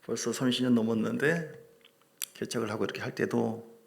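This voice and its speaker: A middle-aged man preaching a sermon as a pastor in a church, lively and joking with his congregation. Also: medium pitch, fairly quick, gravelly. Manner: animated preaching with humor, asides to the congregation. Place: church sanctuary.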